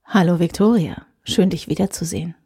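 A woman voicing a smooth, persuasive male virtual advertising avatar, speaking softly and coaxingly. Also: lowish voice, a little fast. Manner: soft, coaxing, hushed.

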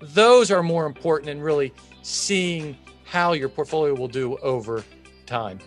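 A chief investment officer, speaking as an expert interview guest, gives market commentary in a fairly high voice, a little slowly. He explains things methodically and emphatically, with faint music in the background.

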